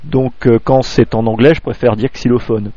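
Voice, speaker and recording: A man from France giving a spoken amateur radio lesson, halting, full of fillers and restarts, close to a clipping desk microphone. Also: mid-range voice, steady tone, warm tone, highs cut off, a little hiss or hum.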